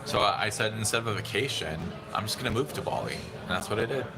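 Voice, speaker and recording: Recorded on a phone amid a bustling restaurant's chatter, a man from San Diego in his thirties hosts a relaxed livestream, rambling and fielding chat messages. He speaks fast, with a voice on the low side.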